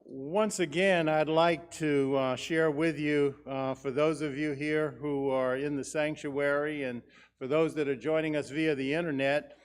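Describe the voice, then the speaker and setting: A man speaking as a pastor leading a church service, measured and solemn in his delivery of announcements and liturgy. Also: on the high side, fairly even intonation, clean tone. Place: church sanctuary.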